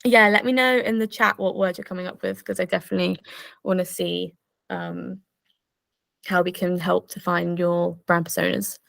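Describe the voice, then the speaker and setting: A woman's voice: lowish voice, steady tone, moderate pace, creaky, fairly bright tone, no echo. A young woman presenting an online workshop in a bubbly, chatty way, full of fillers. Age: young adult. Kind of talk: casual online workshop talk.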